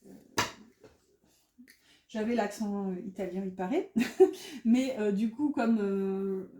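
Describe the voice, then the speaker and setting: A woman's voice: medium pitch, takes it slowly, dark tone, reverberant. A woman giving a casual tarot reading, chatty and full of fillers, often correcting herself. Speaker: tarot card reader.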